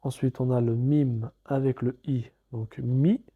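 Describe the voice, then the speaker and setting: An Arabic reading teacher leads a slow, step-by-step lesson, patiently spelling out each letter and vowel. His husky, medium-pitched voice is unhurried and fairly even in intonation, and it sounds like a phone recording.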